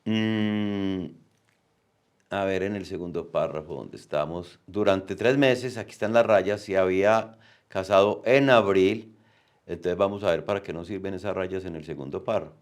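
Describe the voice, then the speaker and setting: Brief: man, very low voice, patient teacher walking students through a text. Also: moderate pace. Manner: explanatory, frequent "¿cierto?" checks. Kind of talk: explaining reading exam questions.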